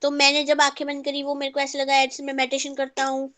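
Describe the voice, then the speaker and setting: A woman's voice: sits high, monotone, fast talker, sharp tone. A woman teacher giving an online class through an earphone mic, mixing Hindi with English terms and checking in with her students.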